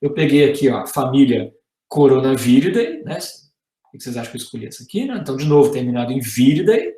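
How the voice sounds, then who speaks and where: A man's voice: mid-range voice, animated, quick pace, warm tone, reverberant. A middle-aged man with a Brazilian Portuguese accent giving a university lecture as a guest professor, explaining step by step and ending many sentences with "né?" or "tá?".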